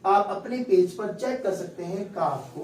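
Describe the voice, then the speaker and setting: A man's voice: high-pitched, animated, unhurried, a little mellow, echoey room, far from the mic, slight background noise, poor audio. A male teacher giving a classroom lesson on Quran recitation, explaining step by step and quizzing his students.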